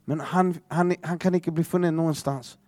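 A man preaching a sermon through a dramatic story, repeating words as he restarts and dropping to a hush for emphasis. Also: fairly high pitch, fairly even intonation, no room sound.

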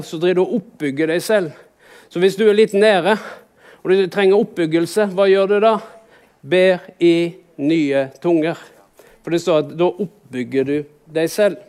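Male preacher, fairly high voice, chatty sermon full of rhetorical questions. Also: darkish tone. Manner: conversational preaching, rhetorical questions, rises in pitch for emphasis.

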